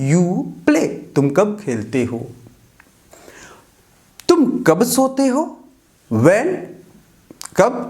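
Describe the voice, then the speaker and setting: A teacher explaining English grammar in Hindi, repeating example sentences slowly word by word and often checking in. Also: medium pitch, a little mellow.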